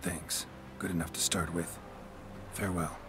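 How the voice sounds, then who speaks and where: An actor playing a grim, terse male monster hunter in a video game, speaking in short, gravelly lines. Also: deep voice, steady tone, normal speed, music in the background, close to an everyday voice. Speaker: player character.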